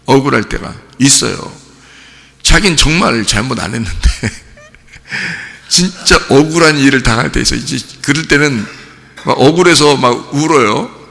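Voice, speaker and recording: A man's voice: medium pitch, moderate pace, creaky, pushed and bright. A male pastor gives an early-morning sermon, stressing his words with emphatic repetition and keeping the congregation engaged with constant questions. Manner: keeps asking the congregation questions; emphatic, repeats key words. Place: church sanctuary. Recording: long church-hall reverb.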